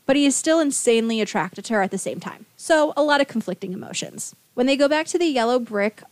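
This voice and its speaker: A woman's voice: on the high side, lively intonation, fast, no room sound. A woman co-hosting a podcast, summarizing a novel's plot in casual chat with wry asides. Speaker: podcast co-host. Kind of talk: book recap, casual chat.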